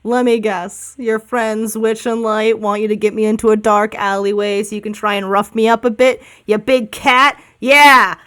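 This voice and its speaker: A woman voicing a paranoid female kenku bird who talks in a stolen man's voice, loud and combative. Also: medium pitch, level tone, normal speed, hardly any pauses, close to an everyday voice. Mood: indignant.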